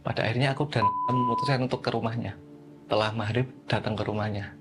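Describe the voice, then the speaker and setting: A man giving an earnest, measured testimony about a friend's possession. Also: mid-range voice, fairly even intonation, very noisy. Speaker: interviewee, friend of the possessed girl. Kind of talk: testimony narration.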